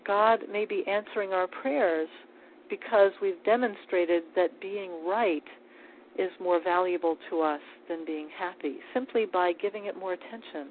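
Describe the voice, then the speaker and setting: Woman teaching prayer over a tinny line. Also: lowish voice. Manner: calm, measured, with small restarts. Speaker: spiritual teacher. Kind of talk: spiritual talk on prayer. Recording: tinny phone-like line with faint hiss.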